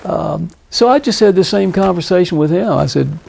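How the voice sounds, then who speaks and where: An American man in his seventies, a war veteran recounting his memories in a deliberate way, with hesitant pauses and emphatic phrases, in a gravelly, husky voice. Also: high voice, animated, darkish tone. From Tennessee, United States. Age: 70s. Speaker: Vietnam veteran being interviewed.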